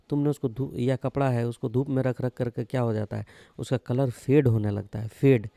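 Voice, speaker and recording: A man's voice: medium pitch, gravelly, mellow, no echo. A man teaching English vocabulary, spelling each word letter by letter and repeating its meaning. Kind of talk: vocabulary lesson.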